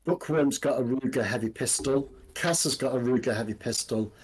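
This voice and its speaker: Husky-voiced man running a tabletop game. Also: medium pitch, rough recording. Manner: halting, with many ums. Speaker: game master.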